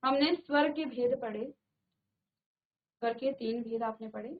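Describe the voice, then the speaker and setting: A woman's voice: on the high side, a little slow. A woman teacher giving a grammar lesson in a studio classroom, drilling sounds by repeating them and checking in with her class. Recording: tinny phone-like sound.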